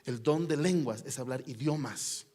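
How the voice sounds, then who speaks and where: Speaking at normal speed in a mid-range voice, the man delivers a fervent sermon. Volume surges and softens by turns, and he repeatedly poses rhetorical questions to those listening.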